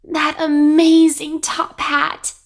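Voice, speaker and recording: Girly lovesick game robot, high creaky voice, breathy and obsessed. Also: completely flat delivery, slow. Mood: dreamy longing. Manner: breathy, swooning delivery. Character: lovesick, obsessive girlish female animatronic, dreamy. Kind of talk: video game character acting.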